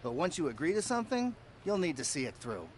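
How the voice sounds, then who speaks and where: A man's voice: on the high side, very animated, fast, a little mellow, a little hiss or hum. An actor playing a friendly, older male cameraman who patiently explains things to a newcomer in video game dialogue. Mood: advising. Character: friendly veteran male cameraman, helpful mentor.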